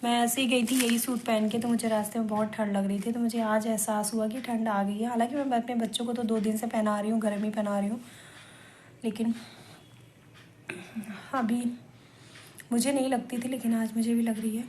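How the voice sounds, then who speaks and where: A woman's voice: fairly high pitch, little pitch movement, brisk, long pauses, darkish tone. A woman vlogging casually in a chatty, rambling way, her throat slightly scratchy. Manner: chatty, rambling, self-correcting. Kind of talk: casual vlog chat.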